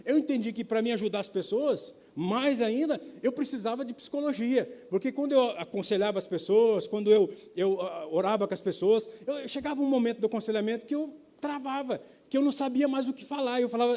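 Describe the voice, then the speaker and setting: A man, preaching a sermon full of personal stories, animated and humorous, acting out the dialogue. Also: very high-pitched. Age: 50s. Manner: animated, acts out dialogue with quick voice changes; colloquial and humorous, with mild laughs. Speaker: pastor.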